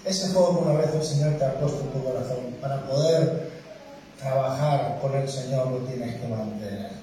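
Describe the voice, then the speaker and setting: A man preaching in a church, his voice dark and mellow. He talks in a conversational way, keeps asking short questions of the listeners, and sounds close to tears. The voice is picked up from a distance in a very echoey hall with faint room noise. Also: mid-range voice, steady tone, moderate pace. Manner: emotional, tearful. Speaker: pastor. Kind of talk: sermon.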